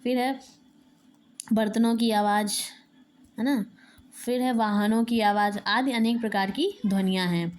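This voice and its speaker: A woman's voice: fairly high pitch, fairly even intonation, unhurried, pauses often, a little mellow. A woman teacher giving an exam-prep lecture, reading each point aloud and then explaining it again in plain words.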